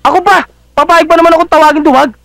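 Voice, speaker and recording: An actor playing a pesky, glib young petty thief in a Filipino film drama, full of excuses, with a Filipino accent. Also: male voice, very high-pitched, steady tone, quick pace, creaky, pushed and bright, dry recording, heavily acted, low-quality recording. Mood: defensive. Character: mischievous, pesky young cousin, petty thief, policeman's son.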